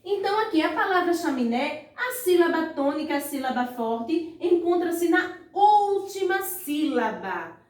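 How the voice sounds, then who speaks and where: Very animated and very high-voiced, a woman teaches primary schoolchildren online from a distance from the mic, in a room with echo. She stretches words slowly into syllables and keeps prompting the pupils to look with "ó" and "vejam só".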